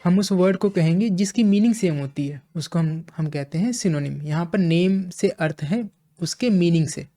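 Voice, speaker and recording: This English vocabulary lesson comes from a man with an Indian accent and a high, mellow voice. In classroom style, he explains at a slow pace, repeats phrases and checks in with listeners.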